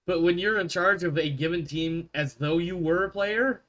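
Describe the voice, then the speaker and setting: Male game master, bright upper-register voice, sweary casual banter, self-interrupting. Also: high voice, normal speed, muffled recording. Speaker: game master and show host. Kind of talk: casual tabletop group banter.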